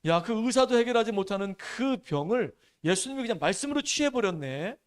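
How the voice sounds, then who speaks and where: A man voicing boastful male disciples who brag loudly and excitedly in a sermon retelling. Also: sits high, a little fast, pitched above the performer's own voice. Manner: loud, excited, swaggering.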